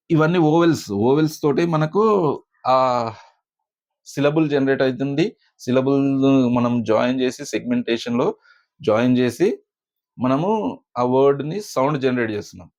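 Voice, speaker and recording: A man teaching a spoken pronunciation lesson, explaining slowly with many pauses and fillers. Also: medium pitch, darkish tone. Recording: slightly dull lo-fi recording.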